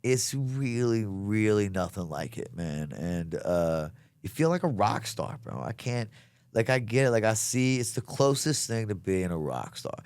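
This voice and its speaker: A man's voice: lowish voice, very animated, measured pace, darkish tone, clear, resonant tone, no echo. A man chatting casually as an interview guest, earnest and emphatic, with plenty of slang. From south Louisiana, United States. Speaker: comedian being interviewed. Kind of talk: casual chat.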